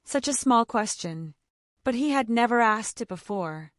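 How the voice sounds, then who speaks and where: A young woman narrating her own story in the first person, in short, reflective sentences. Her voice sits on the high side and moves widely in pitch. It is recorded dry and close, with no room around it. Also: lively intonation, measured pace, no echo. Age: young adult.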